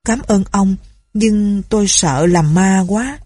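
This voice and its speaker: A woman's voice: mid-range voice, slow, dark tone, slightly rough, no echo, clean studio sound. A woman voicing a timid young village man who pleads fearfully.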